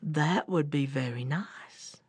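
A woman voicing a big, gullible male folktale bear in a slow, breathy mumble. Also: low-pitched, a little mellow, no echo, voice pushed down, exaggerated voice. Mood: impressed, gullible.

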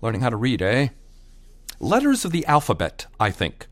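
A man voicing an eager, pushy female fairy godmother in a told story, jumping high in pitch. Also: wildly swooping pitch, normal speed, no room sound. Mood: coaxing.

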